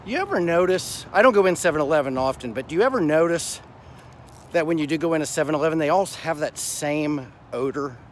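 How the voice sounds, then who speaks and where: A middle-aged vlogger with a slightly high, expressive voice talks a little fast, chatting bluntly and casually to his phone camera with salty everyday language as he walks suburban sidewalks and park paths. He holds the phone at arm's length and wears wired earphones. The outdoor phone audio is noisy, with traffic.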